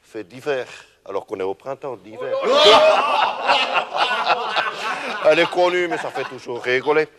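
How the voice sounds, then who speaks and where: A man's voice: sits high, big pitch swings, very slow, pauses often, in a large hall, over a noisy crowd, heavily acted. An actor playing a mock-serious male regional newsreader in a comedy sketch, with an exaggerated Alsatian accent. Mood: jokey. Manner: mock-serious, laughing at his own jokes.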